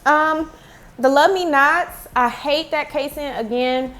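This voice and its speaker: With a high, fairly bright voice and a slow delivery, a woman chats with viewers in her food review vlog, addressing them as "y'all." She's at home, speaking into an earbud headphone mic.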